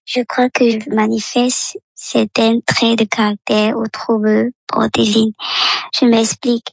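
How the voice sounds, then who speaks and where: A woman's voice: a little high, little pitch movement, slow, vocal fry, breathy edge, no echo, poor audio. A woman, leaving a recorded voice message through a voice changer that disguises her voice, explaining her feelings candidly. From Cameroon. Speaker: listener calling in.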